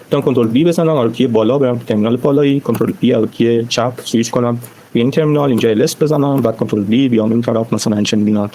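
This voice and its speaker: Give me a man with a warm, dark voice explaining software step by step in a casual tutorial. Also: mid-range voice, low-quality recording. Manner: chatty, explains step by step while typing. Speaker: Linux course instructor. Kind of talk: casual screen-recorded tutorial.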